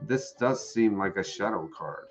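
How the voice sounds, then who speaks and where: A man's voice: lowish voice, animated, measured pace, highs cut off, soft background music. Man giving a chatty tarot reading. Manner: chatty, reads out chat and greets viewers. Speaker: tarot reader. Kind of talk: live-stream tarot reading.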